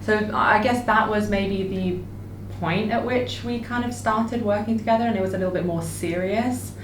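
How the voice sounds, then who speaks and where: A woman's voice: medium pitch, moderate pace. A woman co-hosting, chatting casually in a conversational, storytelling way. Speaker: co-host, business partner. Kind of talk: casual chat. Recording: echoey room, distant mic, clear noise.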